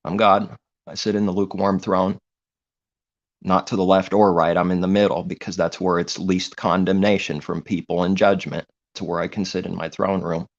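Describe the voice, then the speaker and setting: A man's voice: sits low, flat delivery, moderate pace, highs cut off. Man mocking a smug self-righteous hypocrite. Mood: mocking, boastful. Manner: loud, mocking, boastful.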